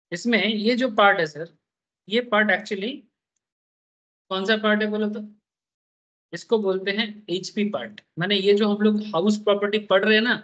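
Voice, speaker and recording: A man's voice: high voice, bright, forceful tone. A man teaching a tax class, playfully quizzing his students with repeated questions as he draws on a board. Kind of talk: classroom lecture with drawing. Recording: dull lo-fi recording.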